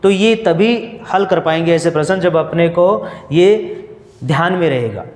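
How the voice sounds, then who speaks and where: Slow, deliberate male Hindi teacher. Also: fairly high pitch, a little mellow, echoey room, long reverb tail. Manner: repeats and restates points, asks questions then answers them. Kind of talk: slow, repetitive classroom explanation.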